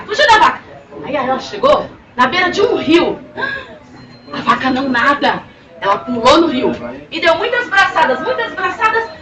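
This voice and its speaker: A woman telling a children's story in an animated, expressive way at a live bookstore reading. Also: high-pitched. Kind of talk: dramatized children's story narration. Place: bookstore, indoors, live audience. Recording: roomy, distant mic, crowd and noise.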